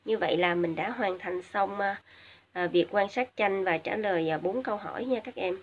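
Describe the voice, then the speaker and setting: Vietnamese teacher with hesitant fillers, lo-fi. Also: female voice, medium pitch, slight background noise. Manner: explains each word in Vietnamese, many filler sounds, drills English words slowly twice. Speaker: English teacher. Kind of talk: recorded video lesson for high school students. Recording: dull lo-fi recording.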